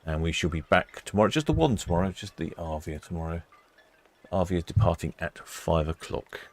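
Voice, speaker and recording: A man's voice: low-pitched, a little fast. A man hosting a livestream, talking casually to his viewers as he signs off. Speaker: livestream host. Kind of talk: casual livestream sign-off narration.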